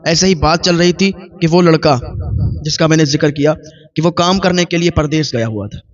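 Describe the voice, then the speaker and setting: Brief: male preacher, high voice, earnest storytelling sermon, dull lo-fi recording. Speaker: Islamic preacher.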